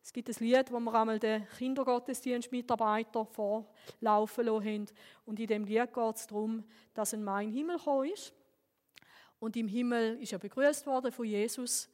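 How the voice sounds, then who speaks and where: A woman pastor with a Swiss German accent delivers a sermon, weaving in personal stories. Her voice sits a little high and she speaks earnestly, with lively lifts of emphasis. Her words carry a long reverb from a church hall. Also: moderate pace.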